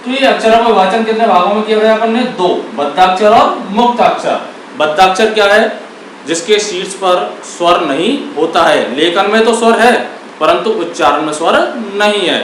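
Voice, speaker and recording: A man teaching a grammar lesson, asking questions and answering them himself, repeating key words and sounding out syllables slowly. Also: high-pitched, a bit bright, heavy reverb, distant mic, slight background noise, rough recording. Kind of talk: classroom lesson.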